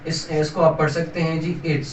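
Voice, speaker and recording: A man explains English grammar in a steady lesson style, going over each example patiently and adding polite little asides. His voice sits a touch high. The recording picks him up from a distance in a reverberant room, with a faint hiss underneath. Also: normal speed. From Pakistan. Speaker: English teacher.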